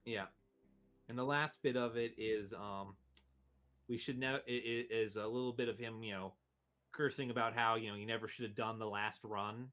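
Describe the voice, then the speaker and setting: A man with a fairly low voice narrates a tabletop role-playing game as its game master. He improvises haltingly, often searching for the right word, with faint music underneath. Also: steady tone, a bit bright.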